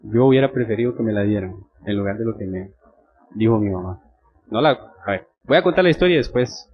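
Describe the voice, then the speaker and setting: A man's voice: fairly low pitch, expressive, fairly quick, narrow, tinny audio. A young man from Costa Rica with a Costa Rican accent, preaching a sermon and telling a personal story in a conversational way, often checking in with his listeners. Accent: Costa Rican Spanish. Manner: conversational, checks in with frequent tag questions. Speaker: pastor.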